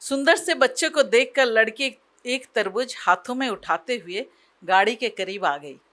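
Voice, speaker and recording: A woman telling an emotional story aloud in an expressive, dramatic way, pausing for effect. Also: fairly high pitch.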